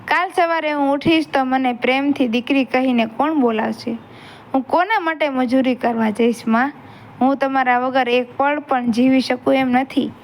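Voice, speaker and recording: A woman's voice: high-pitched, steady tone, normal speed. Woman voicing a grieving young widow. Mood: pleading grief. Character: grieving young widowed woman, devoted to her mother-in-law.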